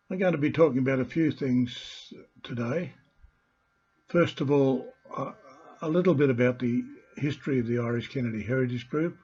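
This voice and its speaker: An older man with a husky, slightly rough voice speaks as a storyteller and host. He gives an informal talk to viewers in deliberate, halting phrases. The sound is a little dull and lo-fi. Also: medium pitch, darkish tone. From Australia. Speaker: host, family historian and storyteller.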